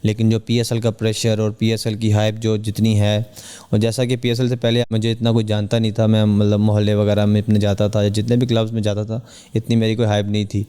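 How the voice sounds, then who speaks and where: Earnest young man with a smooth low voice. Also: completely flat delivery, dark tone. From Pakistan. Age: young adult. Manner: earnest, measured, with hesitant fillers. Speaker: cricketer guest. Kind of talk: podcast interview.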